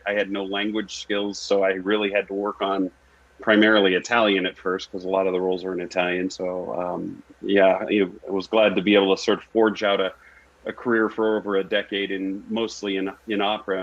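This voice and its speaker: A man who is an actor and singer casually tells his story as an interview guest, speaking briskly in a deep voice with flat delivery. The room is echoey and the audio dull and lo-fi.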